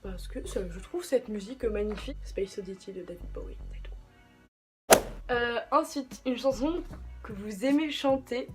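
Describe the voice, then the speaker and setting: A chatty young woman talks through her favourite songs in a relaxed, slangy way, full of fillers and quick asides. Her voice sits a little high. Faint music plays underneath. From of Portuguese descent. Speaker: vlogger. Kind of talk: casual chat.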